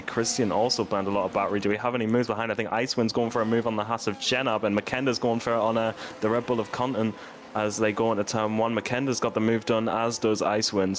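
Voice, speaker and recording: A man co-commentating a league sim race, hesitant with fillers between points and more animated when the cars are racing. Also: fairly low pitch, noisy background. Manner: hesitant, many ums and restarts, gets animated during race action.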